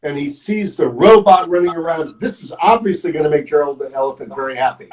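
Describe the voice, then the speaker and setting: A man's voice: on the high side, distant mic, poor audio. A man reading a children's picture book aloud as a volunteer storyteller, explaining the pictures as he goes. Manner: slow, animated, explaining the pictures.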